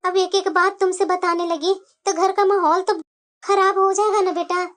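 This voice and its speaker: A woman voicing an elderly, long-suffering mother-in-law in a cartoon family drama, dropping into a soft, low put-on voice. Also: little pitch movement, normal speed. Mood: resigned. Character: elderly mother-in-law, weary and peace-keeping.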